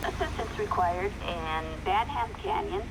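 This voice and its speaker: A calm police dispatcher in a video game, speaking in short clipped radio calls. The police radio sound is buried in loud static. Her pitch sits in the middle range. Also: measured pace. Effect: police radio transmission.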